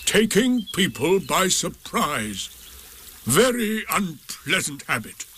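Old donkey, storybook reading, ponderous, sardonic, very slow, faint background noise. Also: male voice, high-pitched, big pitch swings, pushed and bright, voice pushed up, heavily acted. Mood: glum, sarcastic. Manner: ponderous, gruff, aggrieved.

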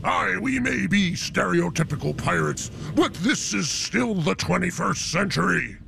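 A man voicing a gruff, boastful pirate captain who growls and barks orders in a children's educational show. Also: high-pitched, lively intonation, unhurried, pushed and bright, slight background noise, heavily acted. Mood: rowdy. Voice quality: gravelly, growling "arr". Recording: music playing underneath. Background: music.

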